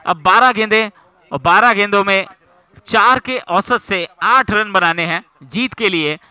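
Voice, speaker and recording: A man giving excited, dramatic live cricket commentary, building suspense as the commentator. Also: sits high, a little slow, clear, resonant tone, dry recording, poor audio.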